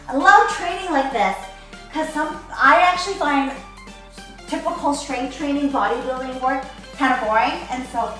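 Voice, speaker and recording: A woman's voice: sits high, a little slow, long pauses, a bit bright. A woman coaching a workout in a casual demonstration, playfully talking in hyped gym-bro slang. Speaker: fitness coach and presenter. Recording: very echoey room, background music. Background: music.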